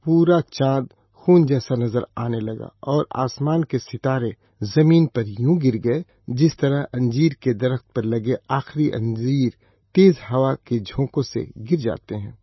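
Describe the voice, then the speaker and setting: Husky man reading scripture solemnly. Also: medium pitch, no room sound. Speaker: scripture reader. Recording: dull, slightly lo-fi dry recording.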